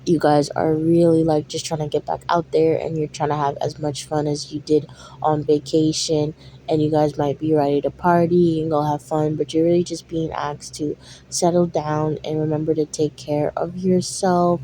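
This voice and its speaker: A woman's voice: low voice, level tone, normal speed, mellow, slight background noise, poor audio. A woman giving a tarot card reading to her viewers, talking in a drowsy, yawning way with lots of ums and likes. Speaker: tarot reader.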